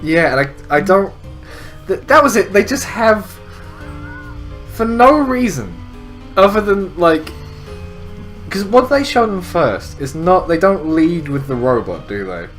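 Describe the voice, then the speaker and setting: A man's voice: high voice, sing-song, unhurried, long pauses, fairly bright tone, soft background music. A man co-hosting a casual comedy show, laughing often and swearing freely. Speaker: podcast co-host.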